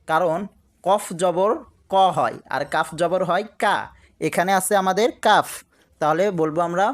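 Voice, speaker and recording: A male recitation teacher giving a lesson. He spells out letters and vowel marks and patiently repeats each syllable, chanting the verse more slowly than he explains. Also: on the high side.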